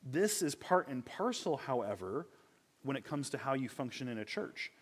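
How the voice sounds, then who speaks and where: A man teaching a Bible class at church in a relaxed, conversational way, asking rhetorical questions and often correcting himself mid-sentence. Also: mid-range voice, normal speed, breathy edge.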